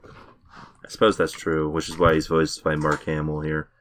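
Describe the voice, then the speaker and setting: A man's voice: extremely low pitch, monotone, measured pace, a bit bright. A man hosting a casual podcast chat, laid-back and hesitant, with frequent filler words. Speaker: podcast host.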